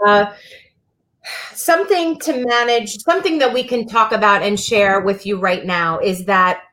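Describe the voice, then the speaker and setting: A woman co-hosting a casual talk show, calmly explaining advice for teens like a counselor. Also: mid-range voice, unhurried. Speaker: podcast co-host giving advice to teens.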